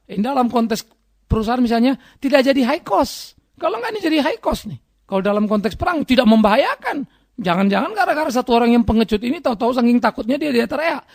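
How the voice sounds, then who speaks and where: A man's voice: extremely high pitch, darkish tone, no echo, studio quality. A man preaching a sermon emphatically, asking rhetorical questions and addressing listeners as brothers and sisters. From Indonesia. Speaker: pastor.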